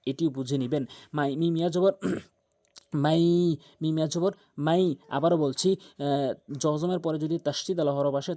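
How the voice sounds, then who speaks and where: A man with a slightly high but mellow, dark-toned voice teaches Quran recitation step by step. He keeps repeating himself and pausing on fillers. When he sounds out the letters and syllables, he drags them out in a slow chant. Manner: patient, repeats points and urges attention, with frequent hesitation fillers. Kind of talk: tajweed lesson with spelled-out examples.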